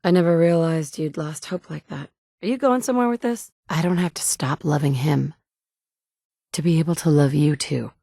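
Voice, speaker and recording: Nora, a blunt wasteland survivor. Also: female voice, low voice, moderate pace, creaky, warm tone, no echo. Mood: tender. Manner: blunt, dry and matter-of-fact. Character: tough, wry adult woman wasteland survivor. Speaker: player character. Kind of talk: video game dialogue. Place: recording booth. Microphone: studio mic.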